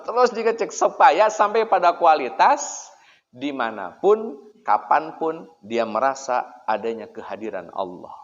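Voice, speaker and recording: A man giving a chatty, joking sermon as an Islamic preacher, often turning to address the congregation directly. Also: fairly high pitch. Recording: dull, echoey hall recording.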